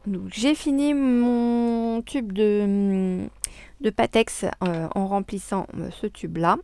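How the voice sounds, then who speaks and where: A woman's voice: mid-range voice, vocal fry, dark tone, no room sound. Woman vlogger, casual crafting chat, dry close sound, cheerful, hesitant delivery full of fillers. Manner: cheerful and enthusiastic. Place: home craft desk.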